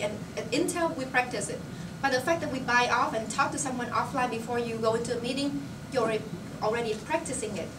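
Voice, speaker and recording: A young woman giving a motivational speech to her colleagues. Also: fairly high pitch. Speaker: company employee addressing colleagues. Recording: roomy, noisy recording from far off.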